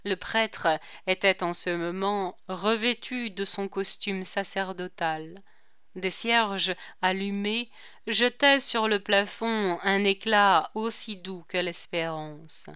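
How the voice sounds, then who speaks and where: Woman slowly narrating a classic novel. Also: medium pitch, pushed and bright, clean tone, no echo, studio quality. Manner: measured, deliberate reading.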